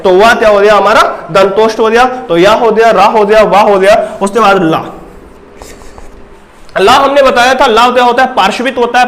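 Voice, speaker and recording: A man's voice: high-pitched, fairly bright tone. A male teacher giving an exam-prep grammar lesson, asking questions and repeating the answers to drill them in.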